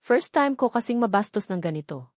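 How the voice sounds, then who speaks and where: A woman reads a first-person romance story with a middle-pitched voice and a conversational delivery. She drops English phrases into her narration. The recording is dry and close, with no room echo. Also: expressive, brisk.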